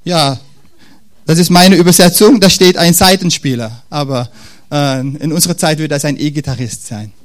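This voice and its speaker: A man preaching a sermon and retelling a Bible story in an animated, humorous way. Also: on the high side, moderate pace.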